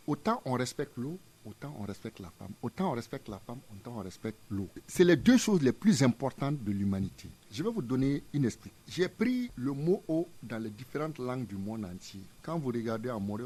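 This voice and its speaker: Man, museum director, husky, didactic and emphatic. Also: medium pitch, animated, normal speed, hardly any pauses, warm tone. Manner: emphatic, didactic, repeats phrases in parallel pairs. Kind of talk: explanatory interview answers.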